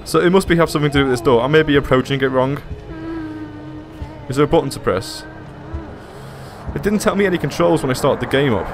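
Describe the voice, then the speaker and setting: A man's voice: on the high side, fast talker, pauses often, over music. A frightened man commenting on a horror game as he plays, jittery, swearing and talking to himself. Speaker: let's play gamer.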